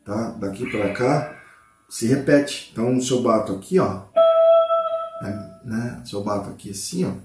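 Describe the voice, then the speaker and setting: In a roomy-sounding space, a guitar teacher with a fairly low, slightly mellow voice gives a casual lesson at a somewhat slow pace. He names each note aloud as he plays and explains patiently, constantly checking in with "tá?" and "né?", with guitar heard in the background.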